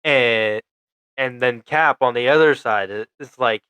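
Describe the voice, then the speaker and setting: A man's voice: medium pitch, measured pace, pushed and bright, clear, resonant tone, no echo. A man co-hosting a podcast, chatting casually and enthusiastically about a movie and laughing easily. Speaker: podcast co-host. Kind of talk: casual movie review chat.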